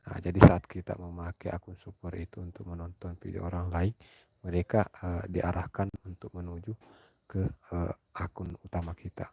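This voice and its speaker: A man from South Sulawesi hosting a casual late-night livestream, speaking in a hushed voice so as not to wake others, reading viewer comments aloud and answering them at home at night. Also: sits low, completely flat delivery, normal speed, vocal fry, background noise. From South Sulawesi, Indonesia. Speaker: livestream host.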